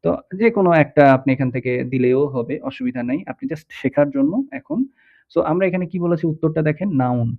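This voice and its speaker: Man, Bangladeshi accent, patient step-by-step tutorial explaining, fairly high voice, tinny phone-like audio. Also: quick pace. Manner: explains step by step, checks often with the listener. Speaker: teacher. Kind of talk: screen-recorded tutorial lesson.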